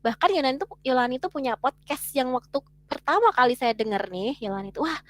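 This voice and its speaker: A woman giving an online lecture, lively and chatty, often putting questions to her listeners. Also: high-pitched, a little fast, dry recording. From Indonesia. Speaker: webinar teacher.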